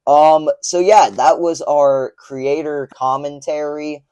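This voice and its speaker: A man's voice: fairly high pitch, steady tone, slow pace, darkish tone, smooth, dry recording. A young man talking casually about the stuffed toys he made, rambling with many fillers on a small clip-on mic recorded to a phone. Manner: rambling, lots of fillers and restarts. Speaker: video creator. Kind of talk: casual commentary. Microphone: small clip-on lapel mic, recorded on a phone.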